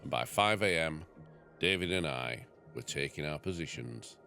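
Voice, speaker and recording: Very deep-voiced man narrating. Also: lively intonation, moderate pace, gravelly, sharp tone, soft background music. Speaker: farmer reading his book aloud. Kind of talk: reading a memoir aloud.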